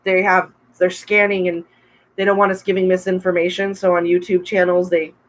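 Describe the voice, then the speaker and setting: A woman co-hosting a casual livestream chat, bubbly and quick to laugh, with a bit of a cough. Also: fairly low pitch, flat delivery, rough recording. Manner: bubbly, laughs often, chatty with viewers. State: coughing, throat trouble. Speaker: podcast co-host. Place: home room, livestream with wine.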